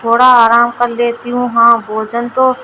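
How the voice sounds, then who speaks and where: A woman reading a storybook aloud, voicing a lazy, greedy young village wife in a flat, even way. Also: fairly high pitch, measured pace, background noise, lightly acted. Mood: delighted.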